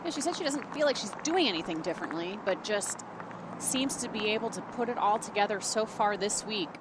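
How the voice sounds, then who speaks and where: A woman's voice: medium pitch, animated, brisk. A woman giving live analysis as a golf commentator. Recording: very noisy outdoor broadcast.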